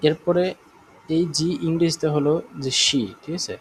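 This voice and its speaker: A man's voice: a little high, fairly even intonation, a little hiss or hum, poor audio. Bangladeshi man teaching a live class. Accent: Bangladeshi Bengali. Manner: explains slowly, repeats and checks understanding. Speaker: German language teacher.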